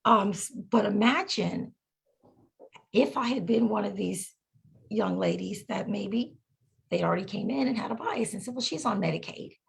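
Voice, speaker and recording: Husky gravelly-voiced woman telling a story. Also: medium pitch. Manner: earnest, halting storytelling with many fillers. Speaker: state representative and attorney. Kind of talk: personal story at a panel talk.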